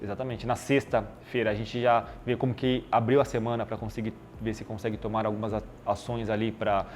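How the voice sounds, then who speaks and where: A man with a Brazilian Portuguese accent chats on a podcast about marketing, his lowish voice moving at a fairly quick pace. He explains things in a relaxed way with lots of fillers, over slight background noise.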